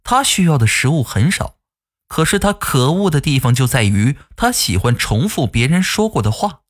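Narrator, male, husky and lively, chatty folk-tale teller with asides. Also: on the high side, moderate pace. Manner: chatty, folksy storytelling with asides. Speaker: storyteller.

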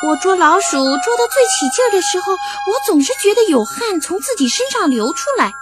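A put-upon little tabby cat from a children's audio story, whining and tearful as he pleads with his friends, as a woman storyteller puts him on. The voice sits very high and leaps all over the place. Soft music plays underneath. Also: big pitch swings, brisk. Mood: puzzled. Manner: wailing, tearful complaining. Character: put-upon young male tabby cat, whiny and plaintive. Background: background music.

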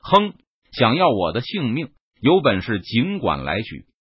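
A man's voice: medium pitch, huge pitch swings, a little slow, husky, dry recording, full character voice. A man voicing a wounded, defiant young swordsman warning his pursuers, in a dull, dry recording.

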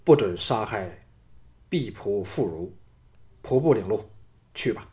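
A man voicing a young hero in an audiobook who gives orders in a calm, clipped way. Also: lowish voice, slow. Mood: commanding. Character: cool, commanding young male hero leader.

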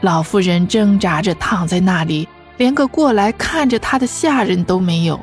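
A woman narrating a fan audio drama in an even storytelling manner. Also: medium pitch, normal speed, soft background music. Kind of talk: scripted narration.

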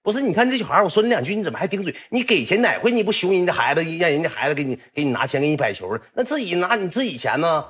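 A man putting on a high, scolding old hall keeper. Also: sing-song, very fast, hardly any pauses, a bit bright, slightly rough, exaggerated voice. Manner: scolding, raised and strained.

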